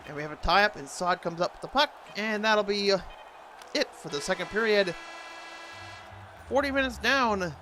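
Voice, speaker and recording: A man's voice: high-pitched, normal speed, long pauses, bright, forceful tone, soft background music. A man doing amateur hockey play-by-play commentary for a video game in short clipped phrases, in the style of a sports announcer.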